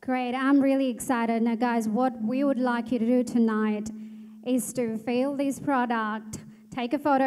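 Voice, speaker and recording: A woman co-founder pitching her startup, upbeat and speaking directly to the audience. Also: a little mellow, clear, resonant tone. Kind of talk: pitch presentation. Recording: long hall reverb.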